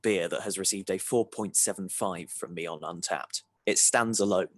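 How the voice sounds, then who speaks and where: A man's voice: low-pitched, moderate pace, no echo. A man, co-hosting a podcast in casual chat, emphatic and enthusiastic. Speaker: podcast co-host.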